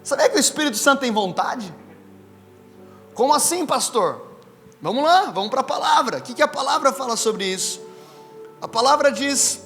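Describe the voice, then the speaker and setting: A Brazilian man with a Brazilian Portuguese accent, preaching a sermon to a live audience, telling stories in a lively, chatty way and speaking straight to the crowd. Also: very high-pitched. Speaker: pastor. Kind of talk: sermon with personal storytelling. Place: church hall with live audience. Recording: reverberant hall with faint music.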